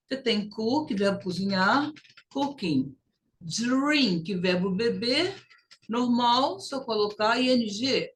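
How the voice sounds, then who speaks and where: A woman's voice: on the high side, slight background noise. A woman English teacher, leading a recorded lesson and drawing out phrases for students to repeat.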